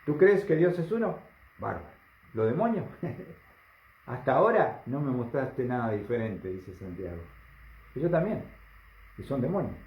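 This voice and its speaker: Emphatic pastor in a roomy hall. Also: male voice, fairly high pitch. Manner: emphatic preaching, frequent rhetorical questions to the congregation. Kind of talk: sermon. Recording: roomy, slightly dull recording.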